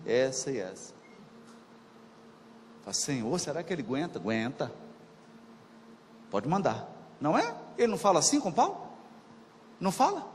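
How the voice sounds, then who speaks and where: A man giving a spiritist lecture to an audience, talking colloquially, repeating phrases for emphasis and putting questions to his listeners. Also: sits high. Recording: reverberant lecture hall.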